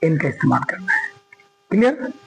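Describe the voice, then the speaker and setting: A man's voice: fairly high pitch, very animated, moderate pace, vocal fry, a bit bright, soft background music, poor audio. A man teaching grammar, stressing his points with repetition and asking his students questions as he goes. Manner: emphatic, repeats points and quizzes students. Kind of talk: classroom lesson explaining grammar.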